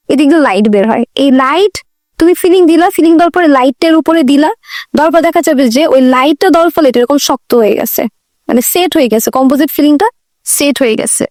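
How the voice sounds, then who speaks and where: A woman's voice: sits high, darkish tone, no room sound, clean studio sound. A woman gives a dental lecture, repeating key points and asking rhetorical questions.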